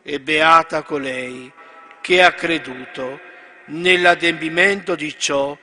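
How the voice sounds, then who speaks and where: A man reading the Gospel at Mass in a measured, solemn manner, recorded in a large church. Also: a little high, bright, forceful tone, soft background music. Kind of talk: liturgical reading. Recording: long church reverb.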